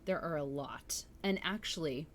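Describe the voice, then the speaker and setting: A deep-voiced woman speaking at normal speed hosts a book-reading livestream, chatting in a casual, enthusiastic way and responding to viewers' comments. A little hiss or hum can be heard.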